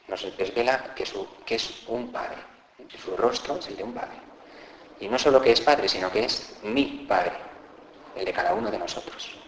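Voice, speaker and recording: A man's voice: fairly low pitch, roomy sound, slight background noise, low-quality recording. A man from Spain, a parish priest with a Peninsular Spanish accent, giving a Lenten talk in a conversational preaching style, repeating key phrases and often checking in with his listeners. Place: church.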